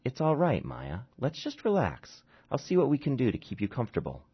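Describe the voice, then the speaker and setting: A man voicing a calm, reassuring woman doctor, in a dull lo-fi recording. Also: fairly low pitch, fairly quick, pitched above the performer's own voice. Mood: soothing. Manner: soothing, reassuring.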